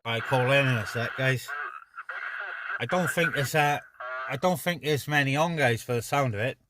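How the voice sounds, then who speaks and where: Hosting a CB radio net from a hilltop beside a car, a male vlogger chats casually and somewhat hesitantly, rambling to both camera and radio in an informal way. His voice is medium-pitched at a moderate pace, with background noise audible.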